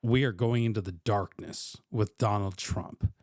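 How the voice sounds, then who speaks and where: Slow, stammering male commentator. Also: on the low side, darkish tone, no room sound, clean studio sound. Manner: stammering, repeats words, swears casually. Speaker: commentator host. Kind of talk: casual reaction commentary.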